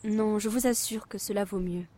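A woman playing a sulking, tearful young lover in an amateur audio drama, evasive and halting, then reproachful. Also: medium pitch, fairly even intonation, warm tone, slight background noise, close to an everyday voice. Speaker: voice actress.

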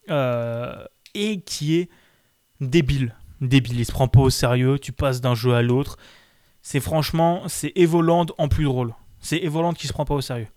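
A man's voice: fairly high pitch, darkish tone, no room sound, studio quality. A man co-hosting a casual video game chat, enthusiastic and rambling with fillers. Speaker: game show co-host.

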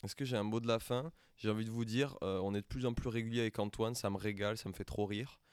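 A young man with a somewhat low voice chats on a podcast, swearing freely and breaking into laughter as he talks. His voice sounds close and dry, with no room around it. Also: fairly even intonation, fast talker, clean tone, dry recording. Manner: crude slangy banter, laughing often. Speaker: podcast co-host. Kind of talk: casual chat.

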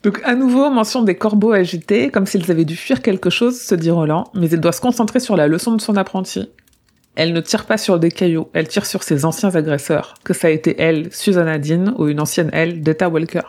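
Podcast co-host, steady summarizing delivery, casual book chat. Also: medium pitch, brisk.

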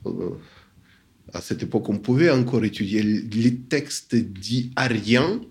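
A man's voice: on the low side, slow pace, darkish tone. Hesitant man with a foreign accent. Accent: foreign accent in French. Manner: hesitant, many fillers and self-corrections. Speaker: interview guest, literature scholar. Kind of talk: unscripted interview answers.

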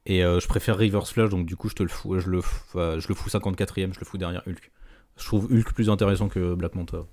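A man's voice: low voice, fairly even intonation, fast, darkish tone, dry recording, clean studio sound. A man on a casual panel chat, blunt, crude and teasing the others. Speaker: podcast panelist.

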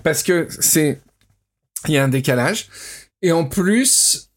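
Chatty, laughing French podcast host. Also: male voice, a little high, a little hiss or hum. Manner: chatty, quick to laugh, excitable. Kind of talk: casual chat.

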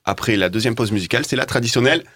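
A man's voice: mid-range voice, very fast, very noisy. A male radio host leading a casual studio chat, joking and laughing often. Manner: jokey, laughing a lot, leading the talk.

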